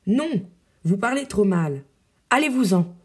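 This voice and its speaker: A woman's voice: medium pitch, very animated, a little slow, slightly rough. A woman reading the part of a witty, demanding young noblewoman who teases and scolds her suitor. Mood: teasing. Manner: teasing and disdainful.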